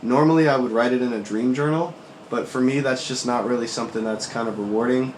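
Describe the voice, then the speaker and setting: A man's voice: medium pitch, fairly even intonation, quick pace. A man with a worn-out voice, recovering from being sick, rambles reflectively and casually as he recounts his dreams for a vlog, swearing now and then. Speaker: vlogger. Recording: roomy echo, faint background noise.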